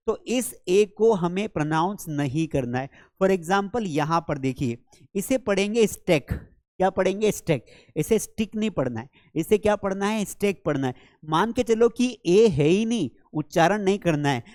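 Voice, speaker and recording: A man's voice: high-pitched, a little mellow, no room sound, studio quality. A man with an Indian accent teaching an English lesson in Hindi, repeating words and quizzing the viewer like a classroom teacher. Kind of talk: classroom-style language lesson.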